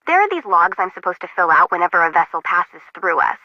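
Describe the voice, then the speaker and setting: A woman's voice: fairly low pitch, sing-song, quick pace, no room sound. A woman voicing a quirky young female harbor intern in a game, rambling and joking at her own expense, with a muffled, lo-fi sound. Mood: chatty. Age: young adult. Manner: rambling, joking, self-mocking.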